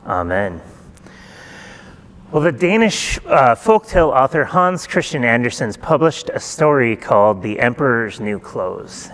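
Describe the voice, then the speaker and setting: A middle-aged pastor preaches in a church sanctuary, retelling a folktale in a relaxed, chatty manner and putting questions to the congregation. His voice sits at a medium pitch and moves at an unhurried pace.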